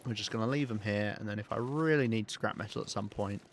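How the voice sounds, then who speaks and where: A man's voice: on the low side, quick pace, vocal fry, slight background noise. A man with a southern English accent giving chatty, wry live commentary while playing a video game, with the odd swear and laugh. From south of England. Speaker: game streamer. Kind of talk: casual live gameplay commentary.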